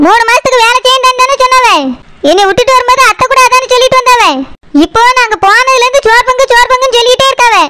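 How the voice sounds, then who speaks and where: A woman's voice: very high voice, fairly even intonation, quick pace, pushed and bright, slight background noise. A woman voicing a stubborn young daughter-in-law in a cartoon, with a Tirunelveli Tamil accent and a blunt, argumentative manner. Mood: complaining. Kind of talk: cartoon voice acting.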